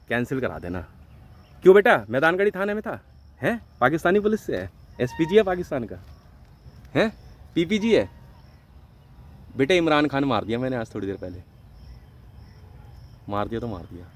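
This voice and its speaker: A man from India ranting angrily and swearing heavily in a vlog, jumping between loud outbursts and low mutters. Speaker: vlogger. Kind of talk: angry profane rant to camera.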